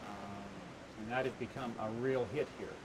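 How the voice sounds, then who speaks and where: A man answering interview questions about the attraction he built, halting with many "uh" fillers and restarts, heard on a worn tape copy. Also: medium pitch, fairly even intonation, background noise. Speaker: attraction owner being interviewed.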